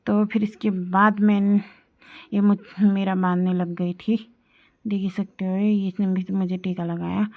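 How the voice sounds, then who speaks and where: A woman's voice: medium pitch, level tone, a little slow, phone-quality sound. A young woman from the Indian hills chatting casually to her viewers as she walks them through a family day. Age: young adult. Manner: chatty, showing and explaining to viewers. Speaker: vlogger. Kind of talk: casual family vlog narration.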